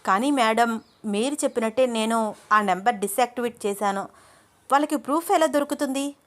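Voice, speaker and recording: A woman's voice: on the high side, moderate pace, a bit bright, pitched above the performer's own voice, close to an everyday voice. A woman voicing a nervous, confused young female assistant who answers deferentially.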